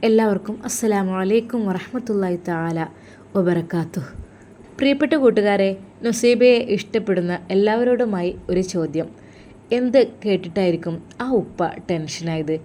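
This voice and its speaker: A woman tells a scripted family story in a measured, emotive way. Her voice is mellow and warm, at a middle pitch. A faint hiss runs underneath.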